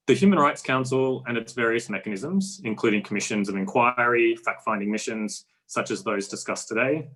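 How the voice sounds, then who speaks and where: Brief: male diplomat, fairly low voice, formal scripted closing statement. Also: fairly bright tone. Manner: formal and measured. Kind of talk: reading prepared remarks.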